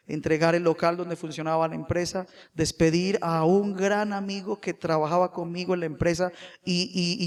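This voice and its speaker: Pastor guy preaching in church, high voice, goes from hushed storytelling to loud emphatic bits. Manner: swings from quiet personal testimony to loud emphatic preaching. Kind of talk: sermon.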